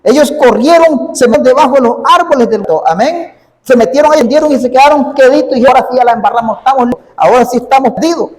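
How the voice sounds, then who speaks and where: High-voiced preacher in a reverberant hall. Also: male voice, quick pace, a little mellow. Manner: repeats phrases, punctuates with "amén" and "¿ves?". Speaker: pastor. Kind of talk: sermon. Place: church sanctuary. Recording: long reverb of a large hall.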